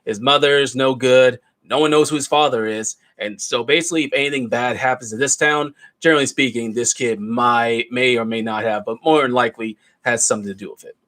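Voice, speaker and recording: A man's voice: mid-range voice, steady tone, brisk, hardly any pauses, a bit bright. A man giving a casual, rambling film review, retelling the plot loosely with plenty of asides. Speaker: movie reviewer.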